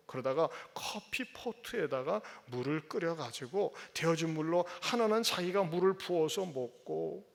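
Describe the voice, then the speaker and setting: A male pastor preaching to his congregation, with a high, gravelly voice. He addresses the room directly, teases his listeners, and reads a story aloud with feeling. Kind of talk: Sunday sermon with storytelling.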